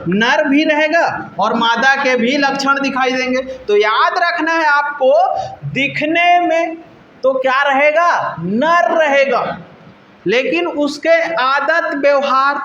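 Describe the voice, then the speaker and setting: A man's voice: very high-pitched, pushed and bright, a little hiss or hum. A male teacher giving a lecture, who keeps asking the class questions and answering them himself. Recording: roomy, dull lo-fi sound.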